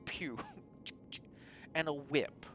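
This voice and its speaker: Man, Southern accent, casual gaming chat, lowish, game music behind. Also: brisk, dull audio. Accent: American Southern. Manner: laid-back, swears, lively swings in pitch. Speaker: streamer playing co-op.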